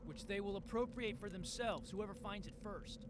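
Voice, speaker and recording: A woman voicing a tough, blunt female ally soldier in video game dialogue, gruff and direct. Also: mid-range voice, moderate pace, lightly acted. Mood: defiant. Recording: game audio with background noise.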